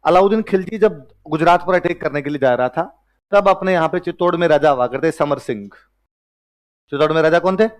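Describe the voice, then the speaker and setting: Lively history teacher. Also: male voice, on the high side. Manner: storytelling teacher who acts out characters with quick question-and-answer asides. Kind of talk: lively classroom history lecture.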